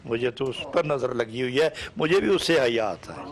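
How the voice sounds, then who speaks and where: A man from Pakistan preaching a sermon lesson, speaking in rhythmic lists of short repeated phrases and pressing his points with emphatic rising questions. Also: medium pitch. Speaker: Sufi preacher.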